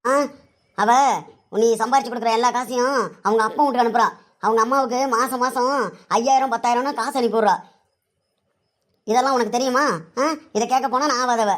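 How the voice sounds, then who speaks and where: A woman's voice: on the high side, steady tone, a little fast, pauses often, natural voice. A woman playing a complaining widowed mother-in-law in a family comedy skit, with a Kanyakumari Tamil accent. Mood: scolding. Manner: wailing, complaining.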